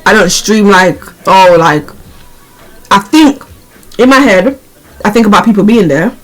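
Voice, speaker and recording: A man's voice: sits high, lively intonation, measured pace, fairly bright tone, low-quality recording. A man streaming live, rambling casually and repeating himself as he talks to his chat.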